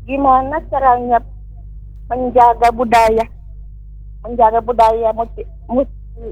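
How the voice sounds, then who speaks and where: A woman calling in by phone to a radio talk show whose line is breaking up; she speaks haltingly and repeats words. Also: fairly high pitch, little pitch movement, darkish tone, no room sound, rough recording. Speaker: phone-in caller.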